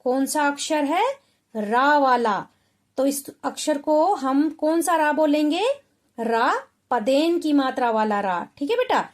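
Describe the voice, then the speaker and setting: A woman with a high, expressive voice teaches children to spell in a slow, patient lesson. She sounds out each letter slowly and frequently checks in by asking "ठीक है".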